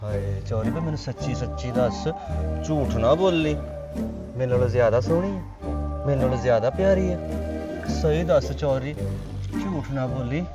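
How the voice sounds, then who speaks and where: A man's voice: medium pitch, moderate pace, long pauses, lo-fi sound, over music, natural voice. A man playing a flirty, lovesick village woman in a comic sketch, coaxing and pleading with theatrical sighs. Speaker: comedian.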